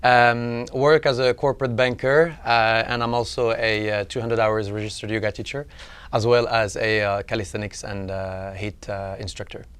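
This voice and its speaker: A man from Paris in his forties, a podcast guest telling anecdotes in a relaxed, easygoing way. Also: lowish voice, normal speed, smooth. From France, Paris. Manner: relaxed anecdotal, laughs easily. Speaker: podcast guest, banker and yoga teacher. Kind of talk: casual interview storytelling.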